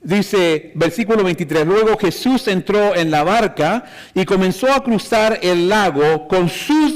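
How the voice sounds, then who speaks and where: Pastor, man, high voice, emphatic sermon delivery, church hall reverb. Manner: slow, emphatic preaching with rhetorical questions.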